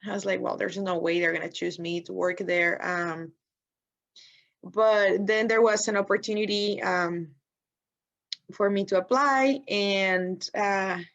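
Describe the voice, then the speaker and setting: Young woman, friendly panel guest, mid-pitched voice, muffled lo-fi call sound. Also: steady tone, a little slow, creaky, a bit bright. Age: 20s. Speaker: guest consultant. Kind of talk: webinar panel answer. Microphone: video call. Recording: dull lo-fi video call audio.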